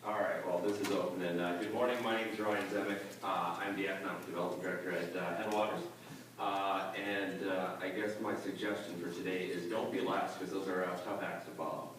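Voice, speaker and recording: A man with a fairly low voice presents at a conference, pausing often on "uh" as he works through his points. He is heard from a distance in a very echoey hall. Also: little pitch movement, noisy background. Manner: plain, hesitant delivery with many "uh"s. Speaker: economic development director. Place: large echoey conference room.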